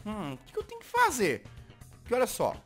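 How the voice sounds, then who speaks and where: A man with a Brazilian Portuguese accent giving excitable Minecraft parkour gameplay commentary as a gaming video host. He swings from muttering to frustrated yelling. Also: high voice, brisk, soft background music.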